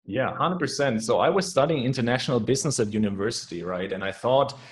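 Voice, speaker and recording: A young adult man with a German accent guests on a podcast, chatting casually and enthusiastically in a mid-range voice with lively intonation and quick pace. Upbeat throughout, he keeps repeating "man" and "right?".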